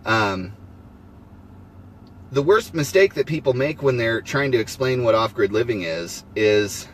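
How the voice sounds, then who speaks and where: A man's voice: medium pitch, expressive, a little slow, a little hiss or hum. A man hosting a casual live stream from his homestead, rambling and acting out both sides of conversations. He has the hiccups. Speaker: homesteading livestream host.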